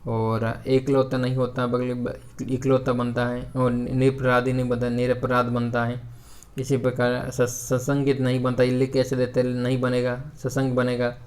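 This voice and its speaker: A man's voice: medium pitch, darkish tone. A man with a Hindi accent teaching an exam-prep grammar lesson, hesitant with many fillers and restarts, repeating corrections over and over. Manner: repetitive corrective phrasing.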